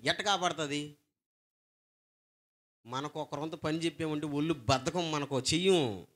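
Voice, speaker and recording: A man preaching a sermon to a congregation. He asks rhetorical questions, tells stories, and urges his listeners to call back loudly. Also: fairly high pitch. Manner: call-and-response, urging the congregation to shout back. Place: church hall before a congregation.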